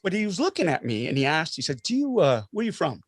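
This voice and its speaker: A man from Canada tells an animated anecdote on a discussion panel, racing through it at a quick pace. His voice sits a little high for a man. The sound is dry and close. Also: dry recording. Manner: animated storyteller. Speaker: panelist, actor.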